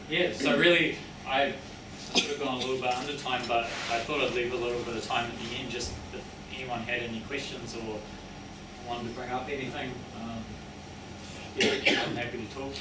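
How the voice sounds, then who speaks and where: A man's voice: mid-range voice, fairly even intonation, normal speed, long pauses. A man with a New Zealand accent who talks like a working-class tradesman, matey and colloquial, rambling and correcting himself as he gives an informal public talk. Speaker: speaker giving a public talk on his research and book. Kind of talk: informal public lecture with audience questions. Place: indoor public venue with audience. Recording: echoey room, distant mic, clearly noisy.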